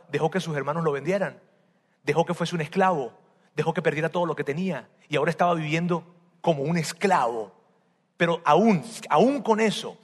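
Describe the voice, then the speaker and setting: A man preaching a sermon, telling a Bible story with lively rhetorical questions and jokes. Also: high voice, in a large hall.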